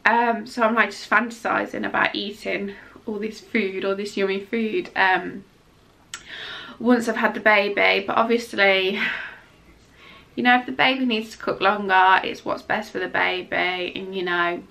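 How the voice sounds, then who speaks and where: A woman's voice: mid-range voice, steady tone, unhurried, vocal fry, bright, forceful tone. Tired, emotional woman vlogging. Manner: rambling, emotional, frequent ums and self-restarts. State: exhausted and tearful. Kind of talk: casual pregnancy update vlog.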